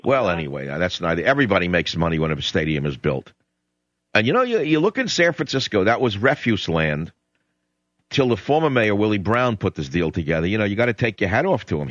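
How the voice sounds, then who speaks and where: His voice on the low side and a bit bright, a male talk radio host swings widely in pitch as he briskly delivers sardonic, emphatic opinions and takes calls in the studio. It comes through as a dry, dull lo-fi radio broadcast.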